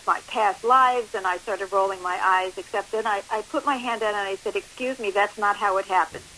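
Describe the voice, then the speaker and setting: A woman's voice: medium pitch, pushed and bright. A woman in her late sixties giving an emphatic, explanatory interview over the phone as a guest counselor. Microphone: telephone. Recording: hissy, noisy phone line.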